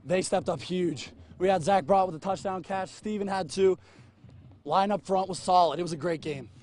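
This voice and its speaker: A man's voice: high-pitched, normal speed, a little mellow. An earnest man in his late teens, a football player answering post-game interview questions outdoors. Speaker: high school football player. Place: outdoor football field at night. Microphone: reporter's handheld microphone. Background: faint field noise.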